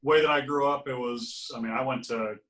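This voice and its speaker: Speaking a bit quickly with a steady, slightly bright mid-range tone, this Ohio man chats easily as a podcast guest, chuckling occasionally as he recounts his story. The distant mic gives the recording a roomy feel.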